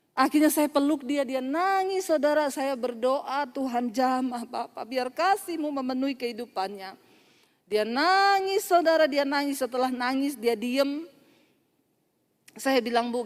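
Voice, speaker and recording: A woman pastor preaching a storytelling sermon, lively and acting out dialogue, often laughing at her own jokes. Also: fairly high pitch, in a large hall. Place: church.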